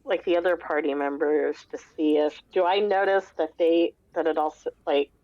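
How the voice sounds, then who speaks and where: A woman playing in a tabletop game, chatting in a relaxed, playful way. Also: low voice, moderate pace, dry recording. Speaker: player. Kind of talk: casual chat at a game table. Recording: dull, dry lo-fi mic.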